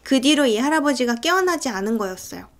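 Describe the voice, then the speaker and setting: A woman with a fairly high voice talks through a film scene by scene in a relaxed, chatty way. She often breaks into acted lines for the characters. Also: fast. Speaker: film recap narrator. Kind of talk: casual movie recap narration.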